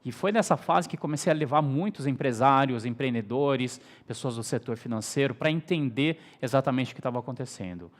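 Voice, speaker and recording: A man from Brazil speaks as an invited guest at a business presentation. His delivery is measured and explanatory, and his voice sits in a middle pitch. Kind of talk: stage presentation.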